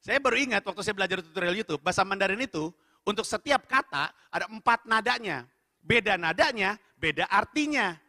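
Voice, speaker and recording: A male stand-up comedian telling an animated story to his audience and acting out the dialogue with mimicked voices. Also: sits high, brisk, clean studio sound. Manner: addresses the audience directly. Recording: echoey hall.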